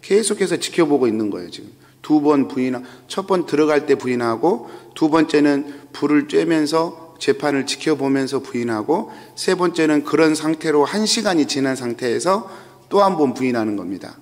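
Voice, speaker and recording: A man's voice: fairly high pitch, animated, normal speed. A man, the pastor, giving a dawn sermon, retelling the scripture scene step by step and repeating key phrases for emphasis. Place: church sanctuary. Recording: long reverb of a church hall.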